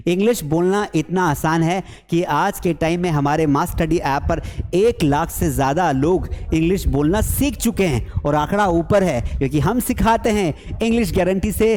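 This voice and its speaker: A man's voice: high voice, darkish tone, long reverb tail. A man teaching spoken English, explaining with everyday examples and repeating phrases for learners. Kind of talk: bilingual spoken English lesson.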